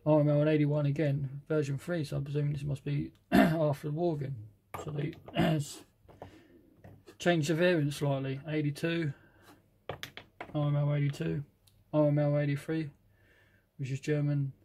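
Halting British man reading paint names. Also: fairly high pitch, flat delivery, creaky, dark tone, slight background noise. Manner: halting, reads out paint names, admits he can't pronounce them. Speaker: scale model reviewer. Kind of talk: casual unboxing review.

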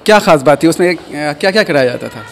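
A male reporter asks measured questions in an indoor corridor, pausing with fillers. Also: fairly high pitch, animated, gravelly, a little hiss or hum. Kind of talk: news interview. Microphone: handheld mic.

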